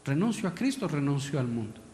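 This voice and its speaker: A man's voice: a little high, big pitch swings, quick pace, a little mellow, a little hiss or hum. A man with an Ecuadorian Spanish accent preaching a sermon as a pastor, pressing the congregation with questions and calling them brother. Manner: preachy, repeatedly addresses listeners as brother. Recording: echoey hall, long reverb.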